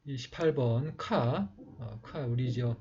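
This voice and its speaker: A man slowly explaining how to write letters in a lesson, pausing often with fillers. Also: medium pitch, dark tone, husky. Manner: slow, halting explanation with many fillers. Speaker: teacher. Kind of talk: calligraphy writing lesson. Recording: dull lo-fi recording.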